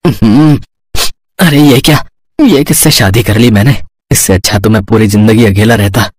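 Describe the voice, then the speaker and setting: An actor voicing a poor young husband in a cartoon story who runs a small roadside eatery, anxious and pleading. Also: male voice, high voice, lively intonation, moderate pace, no echo. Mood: exasperated. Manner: pleading, worried.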